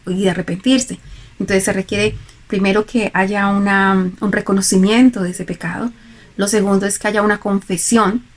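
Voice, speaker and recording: A woman preaching a Bible teaching sermon, earnest and explaining with everyday examples. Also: mid-range voice.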